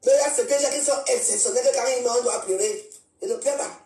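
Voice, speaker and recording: Ranting angrily on her social media live stream, a Cameroonian woman stays defiant and confrontational, repeating her points. Her fairly high, warm voice comes fast, recorded off the mic from a distance in an echoey room where faint music plays.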